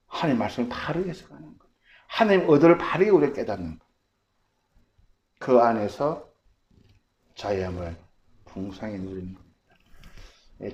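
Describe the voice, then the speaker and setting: A man's voice: fairly low pitch, muffled recording. A male pastor giving an emphatic sermon full of repeated rhetorical questions.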